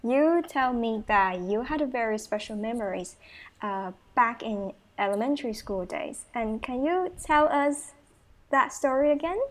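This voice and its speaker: A podcast host from Taiwan speaks with a Taiwanese accent in relaxed, conversational English. She talks hesitantly, often restarting her questions and leaning on fillers as she feels her way through them. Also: fairly high pitch, a little slow. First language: Taiwanese Mandarin. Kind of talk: casual interview chat.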